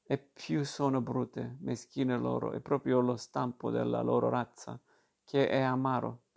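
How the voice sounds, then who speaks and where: A man's voice: medium pitch, little pitch movement, a little slow, creaky, darkish tone. A man reading aloud, voicing a proud father who teases and declaims. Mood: declaiming. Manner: declaiming, teasing.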